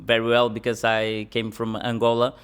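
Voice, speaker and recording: A young man, a professional boxer answering interview questions in halting English full of pauses and fillers. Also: mid-range voice, completely flat delivery, a bit bright, clean tone. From Portugal.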